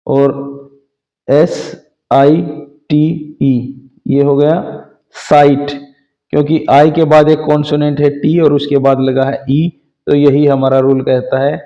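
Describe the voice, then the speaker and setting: A male teacher walks through phonics at an unhurried pace, spelling words letter by letter. His voice stays level and mellow, and the recording sounds dull and lo-fi. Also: medium pitch. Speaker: English teacher.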